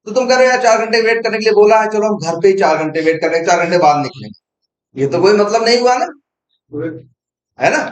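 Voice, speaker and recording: A man with a very high voice walks through a coding lesson, tossing out questions and answering them himself. He speaks in a roomy space with a clear echo around him. Casual and teacherly. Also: lively intonation, a little fast. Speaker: programming teacher.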